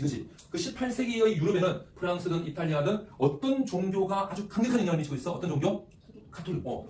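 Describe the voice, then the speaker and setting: A man teaching an ethics class, lively, repeating phrases and quizzing his students. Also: sits high. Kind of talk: classroom lecture with questions to students. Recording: echoey room, distant mic, faint noise.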